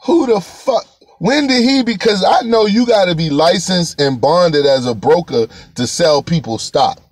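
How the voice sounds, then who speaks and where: A man's voice: sits high, expressive, unhurried, no echo. A man giving casual live-stream commentary in a blunt, profane, mocking way.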